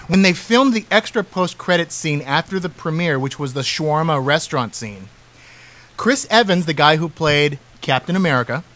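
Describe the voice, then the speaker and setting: A man's voice: fairly high pitch, fairly bright tone. A man hosting a casual radio talk show, chatting and reading out movie trivia.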